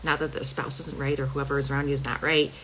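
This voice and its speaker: A woman's voice: rumbling low, level tone, fast talker, noisy background. A middle-aged woman health coach talking casually and emphatically to her viewers, often checking in with "okay?" and "y'all.". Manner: chatty, emphatic, says "y'all" and "okay?" a lot. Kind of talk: casual talk to camera.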